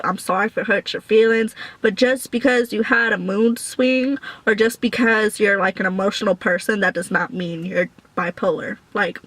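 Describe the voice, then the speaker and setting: Woman, vlogger, mid-range pitch, casual chit-chat, slangy and rambling, dry sound without echo. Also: fairly bright tone. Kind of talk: casual chit-chat to viewers, answering questions.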